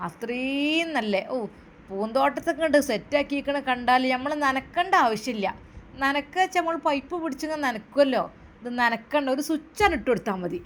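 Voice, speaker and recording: Woman doing high-voiced gossiping village neighbor, Malabar Malayalam accent, rambling. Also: a little hiss or hum, lightly acted. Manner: chattering, nosy, rambling.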